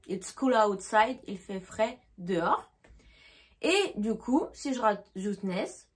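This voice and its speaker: A woman's voice: a little high, fairly bright tone. A woman teaching English vocabulary, who repeats each example, translates it and checks with "d'accord?". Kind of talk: explaining grammar.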